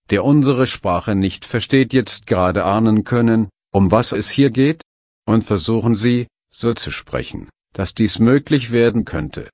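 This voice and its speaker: A man narrating a scripted instructional guide in a calm, measured way. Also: on the low side, no room sound, clean studio sound. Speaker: hypnosis instructor.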